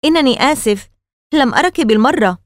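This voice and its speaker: A woman voicing a shy twelve-year-old boy next door who talks quickly, apologetic and a little wary, in a storybook. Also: high-pitched, animated, no echo, studio quality, pitched above the performer's own voice.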